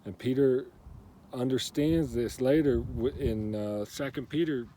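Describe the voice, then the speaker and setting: A man giving a casual church devotional, relaxed and conversational, with lots of fillers as he retells a story in plain everyday words. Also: mid-range voice, a little slow, a little hiss or hum.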